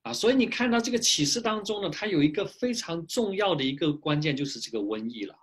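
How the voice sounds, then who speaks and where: A male pastor preaching a sermon in a lively, animated way, pausing often for an interpreter, speaking from a small home office into a webcam. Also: fairly high pitch, slightly rough. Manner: lively preaching with frequent filler particles.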